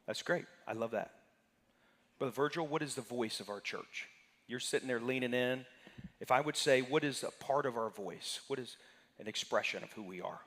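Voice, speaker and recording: A male pastor leads an interactive Sunday class in a church sanctuary, chatting conversationally and calling on congregation members by name. His voice is medium in pitch, slightly bright, at normal speed, and the hall is reverberant.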